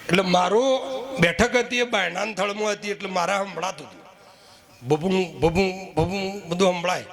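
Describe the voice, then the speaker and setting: A man's voice: high voice, moderate pace, creaky. A man preaching at a village devotional gathering, who keeps asking the crowd rhetorical questions and sometimes chants verses. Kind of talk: devotional sermon with sung verses.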